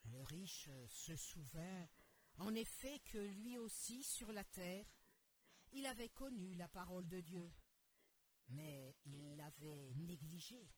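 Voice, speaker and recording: A woman narrating a children's Bible story expressively, pausing to ask the listener questions. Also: lowish voice, a little mellow, slightly rough.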